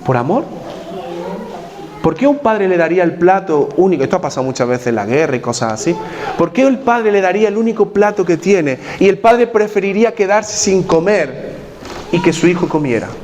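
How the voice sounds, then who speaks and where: A man's voice: high-pitched, big pitch swings, brisk, crowd noise. A man preaching a sermon as pastor in a church, putting questions to the congregation and repeating his key points.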